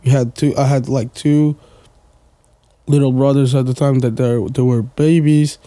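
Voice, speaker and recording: A Portuguese music producer in his twenties, whose first language is Portuguese, chats casually as a podcast guest, rambling with lots of fillers and the occasional swear word. His voice is mid-range, steady and mellow, at a normal speed, in a dry recording.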